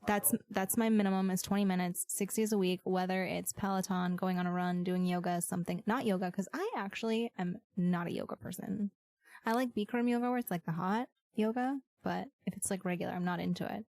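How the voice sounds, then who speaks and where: Lively woman podcast host. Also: mid-range voice, no echo. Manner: lively, quick to laugh. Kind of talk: casual chat.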